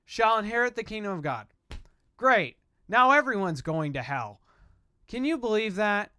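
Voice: medium pitch, very animated, moderate pace, clean tone, no echo. A preacher giving a fiery, informal evangelistic sermon in an emphatic, exhorting way, with sarcastic asides and rhetorical questions. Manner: self-described yelling preacher voice.

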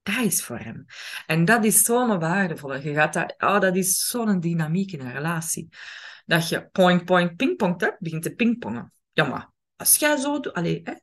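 A woman's voice: on the low side, normal speed. A woman with a Flemish accent hosting a casual podcast monologue, acting out inner dialogue and often checking in with the listener. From Belgium. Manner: lively, acts out inner dialogue, many tag questions. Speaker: podcast host, relationship coach.

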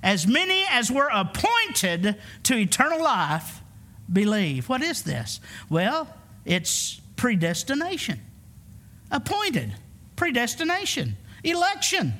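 Very high-pitched with wildly swooping pitch and a sharp tone, a pastor in his 50s preaches slowly but emphatically in church. He leads call-and-response, prompting the congregation to answer.

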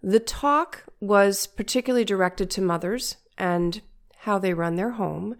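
Older female podcast host, nasal and congested, mid-range pitch, measured and instructive delivery for a coaching monologue. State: stuffed-up head from illness.

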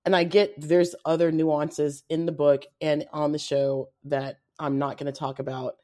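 A woman with a Kentucky twang holds forth in casual podcast chat, her voice sitting a little low. She rants with real animation and drops swear words freely as she picks apart a story. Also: flat delivery, normal speed, warm tone. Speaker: podcast co-host.

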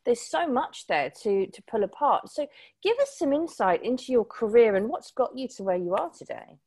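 Woman podcast host, effusive and encouraging, slightly high pitch. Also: sing-song, normal speed, a little mellow, breathy edge. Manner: enthusiastic, effusive. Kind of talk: interview hosting.

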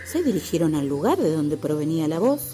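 A woman's voice: low-pitched, a little fast, loud music behind the voice. A woman, expressively reading a children's story aloud. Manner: expressive, lilting.

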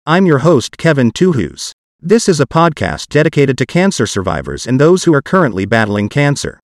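A man's voice: medium pitch, very animated, moderate pace, no echo, studio quality. Synthetic male podcast host, old speech synthesizer sound. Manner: evenly articulated, machine-like reading. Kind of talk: scripted podcast narration.

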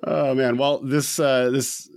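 A man hosting a podcast, talking casually and haltingly with many ums and uhs. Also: mid-range voice, flat delivery, vocal fry, a little mellow, no echo, clean studio sound. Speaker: podcast host.

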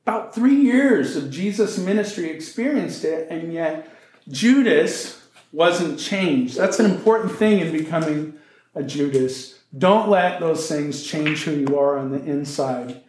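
Unhurried, lively male pastor preaching. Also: a little high, reverberant. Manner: conversational, joking asides. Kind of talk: sermon.

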